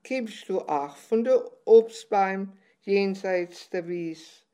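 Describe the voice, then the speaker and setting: A woman voicing a small, shy dandelion that longs for the wide world, asking gentle, curious questions. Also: mid-range voice, takes it slowly, smooth, close to an everyday voice.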